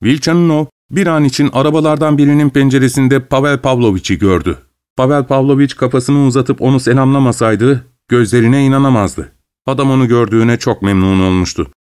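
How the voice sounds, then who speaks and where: Man narrating a novel, steady voice. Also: medium pitch, a little fast, smooth. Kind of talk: audiobook narration.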